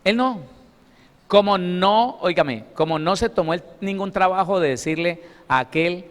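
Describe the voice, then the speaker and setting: A man's voice: high voice, normal speed, long reverb tail. A male pastor preaching a Bible study sermon, emphatic and full of rhetorical questions aimed at his listeners.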